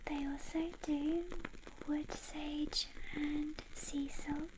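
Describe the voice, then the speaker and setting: Slow whispered role-play, woman as personal shopper. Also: high-pitched, flat delivery, noisy background. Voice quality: breathy whisper. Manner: soft, slow, gentle personal shopper presenting products.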